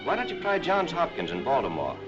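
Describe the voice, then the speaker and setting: An actor playing a matter-of-fact health department clerk. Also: male voice, fairly high pitch, huge pitch swings, fairly quick. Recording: dull old film sound with music.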